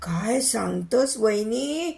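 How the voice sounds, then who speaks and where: Varhadi village man, anxious, insistent loud calls, raised pitch, gravelly, done by a woman. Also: animated, slow pace, heavily acted. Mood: urgent. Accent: Varhadi Marathi. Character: anxious village man, younger brother-in-law.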